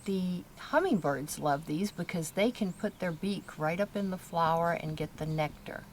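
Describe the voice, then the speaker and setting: This gardener from Kentucky, United States, has a lowish voice and a moderate pace as she walks someone through her garden outside her home, plainly pointing out plants in an easygoing, instructive way. Faint outdoor ambience can be heard behind her.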